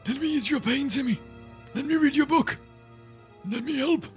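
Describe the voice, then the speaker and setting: A man's voice: extremely high pitch, normal speed, soft background music. A man voicing a kindly, persistent old man in a tabletop game, pleading and coaxing. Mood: soothing. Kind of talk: tabletop role-play.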